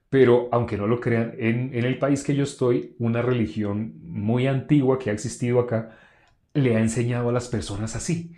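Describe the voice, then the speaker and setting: Animated male preacher in an echoey room. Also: mid-range voice. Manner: animated, laughs between points, repeats phrases for emphasis. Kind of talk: sermon.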